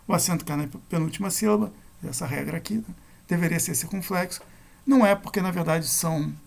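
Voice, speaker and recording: A man's voice: on the high side, gravelly. A man giving a recorded grammar lecture, explaining rules step by step and correcting himself as he goes. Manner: methodical, self-correcting explanation. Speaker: Greek grammar teacher.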